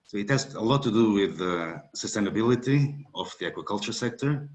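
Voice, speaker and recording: A man from Portugal giving an academic webinar talk over a video call, measured and hesitant with frequent fillers. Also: lowish voice, lively intonation. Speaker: guest speaker.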